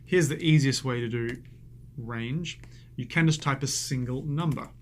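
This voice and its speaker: A man's voice: medium pitch, measured pace, slight background noise. A man teaching a coding lesson over a screen recording, chatty and self-amused, thinking aloud as he types.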